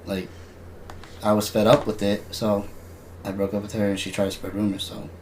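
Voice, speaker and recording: A man's voice: lowish voice, level tone, normal speed, a little mellow, a little hiss or hum. A young man in casual podcast chat, rambling and filling gaps with filler words. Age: young adult. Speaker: podcast co-host.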